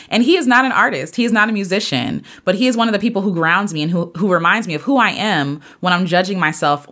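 Earnest lower-voiced woman podcaster in her thirties. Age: 30s. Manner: earnest, preachy, animated with sudden pitch jumps. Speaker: podcast host and singer. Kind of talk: casual motivational podcast monologue.

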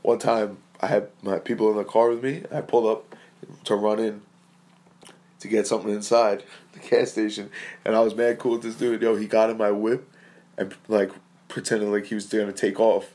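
A young man in casual chat, laughing often and swearing as he tells animated stories. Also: fairly low pitch, moderate pace.

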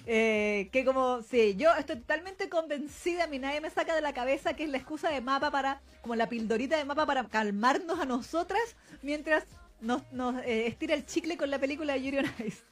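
A woman's voice: sits high, fairly quick. A woman with a Chilean accent co-hosting a podcast in casual chat, chatty and laughing often. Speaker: podcast co-host.

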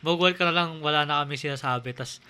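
A man talks quickly in a bright, clear voice. He agrees easily with his co-host and often drops into quiet asides. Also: on the high side, slight background noise. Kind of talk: casual chat.

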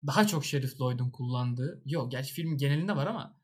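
A man's voice: medium pitch, lively intonation, fast, darkish tone. A man hosting a casual podcast chat, joking and playful. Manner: joking, playful, laughs often. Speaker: podcast host.

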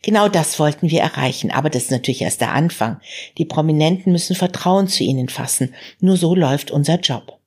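Female reader doing a fatherly older newspaperman, low voice, gentle warnings. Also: expressive, fairly quick, slightly rough. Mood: pleased. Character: older male newspaper mentor, wry and fatherly.

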